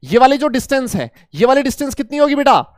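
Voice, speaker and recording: A man teaching chemistry to a class, animated, repeating key points and coaxing and scolding students. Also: very high-pitched, fast talker, no room sound, studio quality. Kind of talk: classroom lecture.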